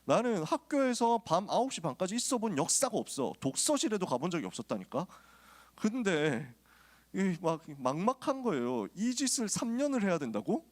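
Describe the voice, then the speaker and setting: A man's voice: high voice, moderate pace. A male pastor preaching to a youth group, telling personal stories in a casual, joking way before urging his listeners on. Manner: lively storytelling, casual and joking, then exhorting.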